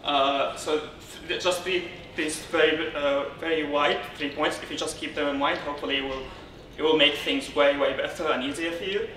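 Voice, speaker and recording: This informal technical presentation comes from a man from Syria, a software consultant speaking on stage by a lectern in a darkened conference room. He halts and restarts phrases in a steady, slightly high voice with a bright, forceful edge. The distant mic picks up a roomy, noisy space.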